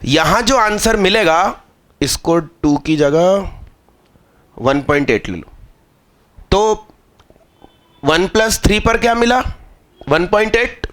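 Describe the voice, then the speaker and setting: A man's voice: high voice, lively intonation, slow, long pauses, fairly bright tone. A male math teacher giving a live exam-prep lecture, explaining step by step and scolding students into understanding.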